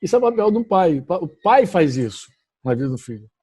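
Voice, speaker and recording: A man's voice: sits high, sing-song, a little fast, dark tone, breathy edge, no room sound. A middle-aged male pastor from Brazil tells a personal testimony to his church audience. He speaks emphatically and repeats himself, often correcting his words as he goes. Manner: emphatic, repetitive storytelling with self-corrections.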